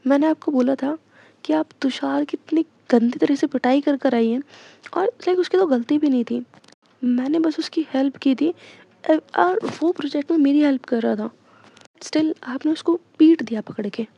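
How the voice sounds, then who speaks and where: A woman voicing a sharp-tongued, sulky young woman who scolds sarcastically, in a dull lo-fi recording. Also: sits high, normal speed, vocal fry, dry recording. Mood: sarcastic, scolding.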